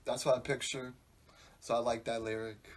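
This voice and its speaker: Young guy in his 20s rambling on a podcast, swears a lot, thinking out loud. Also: mid-range voice, level tone, moderate pace. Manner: rambling, profane, reflective. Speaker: podcast host. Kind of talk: casual podcast monologue.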